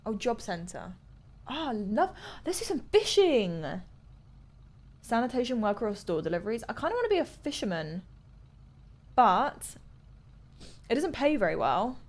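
A young Englishwoman streams a video game from a small room at home, chatting and thinking aloud into a close desk mic as casual live commentary. Her voice is on the high side and very animated, at normal speed with long pauses.

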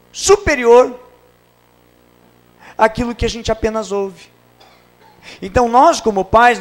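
A middle-aged man preaches, his voice sitting a little high for a man. He tells family stories in a sermon, acting out the dialogue and moving between loud, raised passages and low, hushed ones. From Brazil. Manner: storytelling with acted dialogue, swings from loud to hushed. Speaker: pastor.

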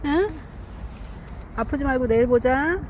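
Middle-aged woman, slightly high voice, unhurried, coaxing teasing cat talk, soft laughs, outdoors. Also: expressive, slight background noise. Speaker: cat feeder vlogger. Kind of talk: casual talk to stray cats. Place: outdoors among grass.

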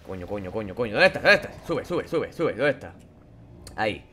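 A man's voice: on the low side, sing-song, a little fast, pushed and bright, a little hiss or hum. A young man from Spain with a Spain Spanish accent, commentating a horror game as he plays it. He swears and yelps at the scares, then drops to mutters between them. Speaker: gaming YouTuber.

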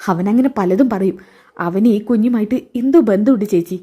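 A woman's voice: mid-range voice, moderate pace, mellow, breathy edge, lightly acted. A woman voicing a worried, protective young woman who questions urgently.

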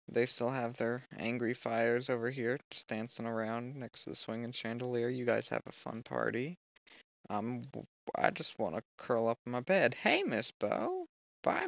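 A man's voice: medium pitch, creaky, no echo. A man playing a horror game, talking to himself and reading notes aloud with jumpy reactions, on a close mic. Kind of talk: let's play commentary. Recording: dry, slightly muffled lo-fi mic.

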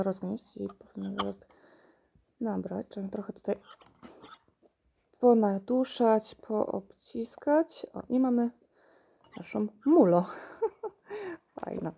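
A woman's voice: mid-range voice, creaky, mellow, slightly rough. A woman unboxing toys at home in casual chat, recorded on a tablet, often laughing and talking to her puppy. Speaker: unboxing vlogger.

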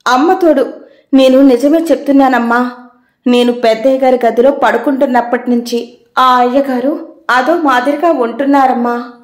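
A woman's voice: sits high, fairly even intonation, normal speed, reverberant, lightly acted. A woman voicing a timid, devoted young servant girl who speaks deferentially. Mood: pleading. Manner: pleading, deferential.

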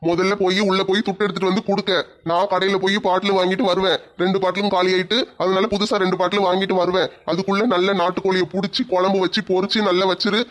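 A woman's voice: medium pitch, level tone, quick pace, pitched below the performer's own voice, natural voice. A woman playing a drunk, boastful male thief who bullies his wife in a comedy skit. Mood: bossy. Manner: bullying, slurring threats.

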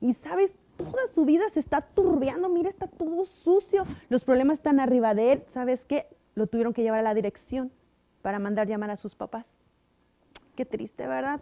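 A woman giving an animated object lesson to children, often asking them questions. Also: sits high. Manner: animated, sing-song, asks kids questions. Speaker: children's church teacher.

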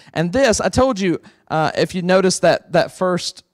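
A male pastor preaching with an animated, playful, conversational delivery. His voice sits high for a man and swings widely, and the recording is close and dry. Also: a little slow, no room sound. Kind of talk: sermon.

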